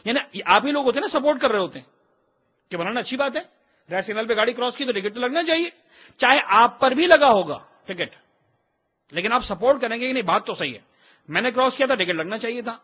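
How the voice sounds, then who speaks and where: A man with a high, bright and slightly husky voice teaches a religious class. He explains things emphatically and drops English phrases in as he goes. The recording sounds dull and lo-fi. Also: expressive. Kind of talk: religious lecture.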